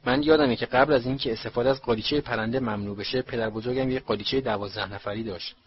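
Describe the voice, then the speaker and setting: A man's voice: medium pitch, animated, breathy edge, muffled recording. A man voicing a stiff, precise older male bureaucrat who speaks curtly and impatiently. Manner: curt, impatient, clipped.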